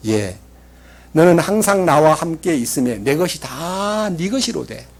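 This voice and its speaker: A preacher speaking as a loving older father, gentle and joyful, with solemn old-fashioned phrasing. The male voice sits high. It is heard within a sermon. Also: sing-song, a little slow, creaky, full character voice.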